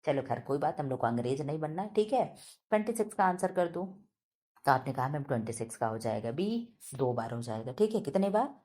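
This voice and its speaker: A woman with a heavy, deep voice teaching an online exam-prep quiz, speaking loudly and emphatically, repeating questions back to students. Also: sing-song, brisk. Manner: loud, emphatic, scolding-friendly teacher. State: sore throat.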